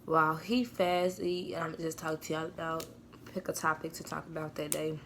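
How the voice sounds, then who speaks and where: A woman's voice: sits low, flat delivery, normal speed, a bit bright, a little hiss or hum. A young woman hosting a casual mukbang at home, chatting directly to her viewers.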